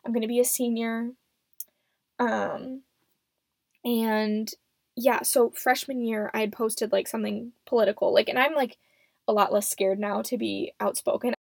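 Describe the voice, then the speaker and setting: A woman's voice: fairly high pitch, steady tone, measured pace, creaky, no echo. A seventeen-year-old young woman hosting a casual, unscripted solo podcast in a rambling, self-deprecating way, recorded close and muffled in a closet. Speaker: podcast host. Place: small closet at home. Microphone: microphone.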